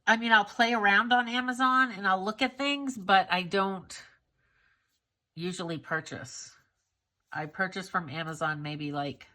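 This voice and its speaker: A woman's voice: lowish voice, bright, forceful tone. A woman vlogging about her monthly budget in a casual, candid way, congested from a cold and often trailing off with fillers. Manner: candid, self-critical, chatty with fillers.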